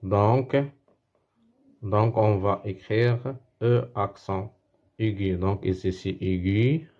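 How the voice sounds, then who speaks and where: A male teacher with a Moroccan accent explaining a French spelling lesson slowly, repeating words and restarting as he goes. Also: on the low side, steady tone, muffled recording. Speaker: primary school French teacher.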